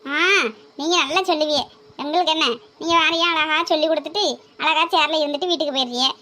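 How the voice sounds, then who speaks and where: A woman's voice: high voice, pushed and bright. A woman playing a middle-aged school cleaning maid who rants and complains. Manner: complaining, scolding rant.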